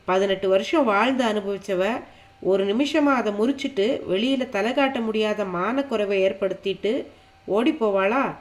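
A woman's voice: mid-range voice, measured pace, natural voice. A woman reading an audiobook voices a stern older mother-in-law who lectures and reproaches her daughter-in-law. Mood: scolding.

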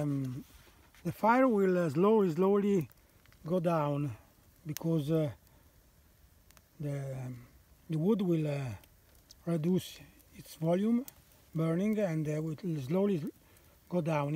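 A bushcraft channel host speaks slowly and haltingly by a campfire on a wooded hillside, explaining as he works during a casual outdoor demonstration. His voice is high-pitched and warm, with many "uh" fillers. The camera sits on the ground a few meters away.

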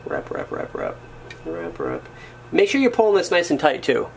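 A hobbyist with a fairly high voice, big pitch swings, and vocal fry narrates his workshop project at a moderate pace, indoors at a wooden bench or floor. He mutters while working and jokes wryly about his mistakes, the camera on his hands, with a little hiss or hum.

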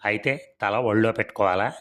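A man's voice: on the low side, a little fast, fairly bright tone, close to an everyday voice. A man reading the lines of a suspicious, protective young brother in a storybook serial, asking blunt questions.

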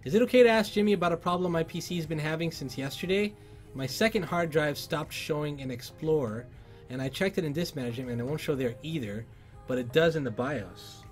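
A man hosting a casual livestream, reading viewer comments and chatting loosely, with sudden loud shouts of excitement. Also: on the high side, brisk, faint music behind. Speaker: livestream host. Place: PC workshop.

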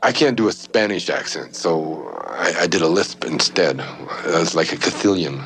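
A male actor talking in a relaxed, rambling way in a casual interview, laughing now and then. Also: low voice, moderate pace. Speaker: actor in the film.

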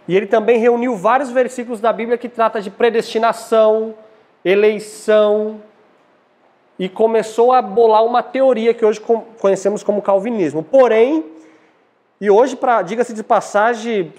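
Speaking through a lapel mic, a young adult Brazilian preacher teaches from the Bible at a church congress, reading scripture in a didactic sermon. His high voice is a little mellow, and he pauses now and then to ask his listeners questions. He stands at a lectern in a small indoor church hall.

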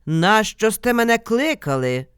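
A woman doing a huge dog-headed ogre from a folk-tale storybook, a menacing male monster who barks out gruff threats. The voice is pitched up high and pushed loud, and it sounds close and dry. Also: very animated, a little slow, dry recording. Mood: demanding.

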